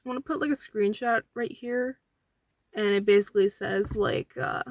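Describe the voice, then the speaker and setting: A woman's voice: medium pitch, steady tone, normal speed, no room sound. Young woman vlogger clapping back at comments, kinda indignant, chatty, dry close mic. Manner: indignant, argumentative, counts off points. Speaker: vlogger with a service dog. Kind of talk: casual commentary replying to online comments.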